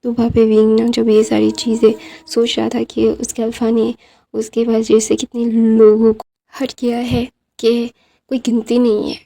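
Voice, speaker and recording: Gravelly woman storyteller. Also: a little high, completely flat delivery, moderate pace, dark tone. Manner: rambling retelling with fillers and English words. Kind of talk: casual story narration.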